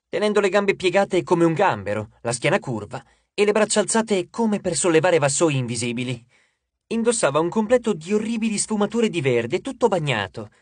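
A man narrating an audiobook in an expressive, lively storytelling manner, recorded in a studio. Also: fairly high pitch, dry recording. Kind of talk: scripted narration.

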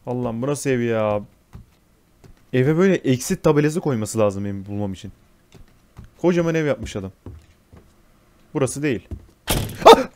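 A man's voice: medium pitch, expressive, moderate pace, long pauses, a little mellow, slight background noise. A young man talking over a horror game as he plays it, cursing and then apologizing to his viewers. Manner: swears, then apologizes to viewers; panics and shrieks when scared. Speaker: gaming YouTuber. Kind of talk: let's play commentary.

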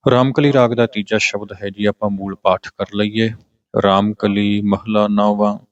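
A man with a Punjabi accent teaching a scripture passage. He chants the verses slowly, then patiently explains pronunciation and meaning. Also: lowish voice, dull audio. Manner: patient, corrects pronunciation step by step. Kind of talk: religious scripture exposition.

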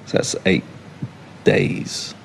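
A man's voice: extremely slow, slight background noise. A man talking to a cast as he helps lead a drama rehearsal in a theatre studio.

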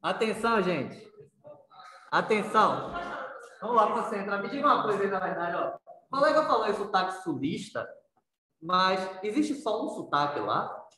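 High-voiced male teacher in echoey room. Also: animated, a little fast, bright, forceful tone. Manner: conversational, questions students, frequent tag "né". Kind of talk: interactive writing class on accents. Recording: very echoey room, distant mic.

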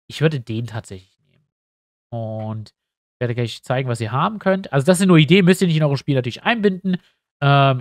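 A YouTuber with a stuffy nose and a high-side voice chats casually to his viewers in a screen-recorded tutorial, thinking aloud as he builds a tabletop map. The recording is studio quality, with no echo.

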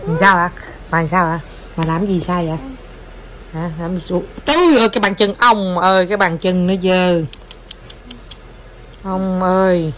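A woman's voice: fairly low pitch, a little slow, long pauses, a bit bright, a little hiss or hum. A woman with a Southern Vietnamese accent, a mother at home teasing and coaxing her toddler in a casual vlog. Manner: playful, teasing, coaxing baby talk.

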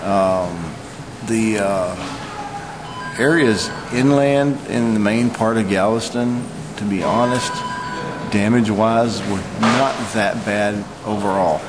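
A man in his forties giving an unscripted, matter-of-fact eyewitness vlog report, speaking haltingly. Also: fairly low pitch, heavy background noise. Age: 40s. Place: hotel lobby, indoors.

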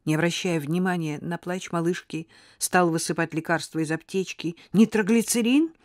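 A woman narrating an audiobook in a measured, expressive storytelling style. Her voice sits on the low side. The recording is dry and close, with no room sound. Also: no room sound.

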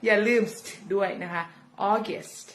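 Slow, careful woman teaching pronunciation. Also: medium pitch, fairly even intonation. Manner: models each word slowly and repeats it. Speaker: English teacher.

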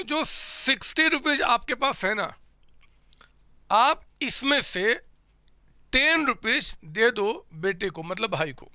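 A high, very bright male voice carries this classroom lecture, recorded close and dry. The teacher, in his thirties, is animated, asks his students questions and often answers them himself. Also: no room sound. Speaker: commerce teacher. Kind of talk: classroom lecture with home examples.

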